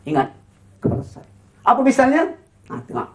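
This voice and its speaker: A Quran recitation teacher with a Malaysian Malay accent, chanting slow model verses and then quickly explaining and quizzing pupils. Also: sits high, huge pitch swings. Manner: quizzing pupils with short questions. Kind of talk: classroom lesson with call-and-response.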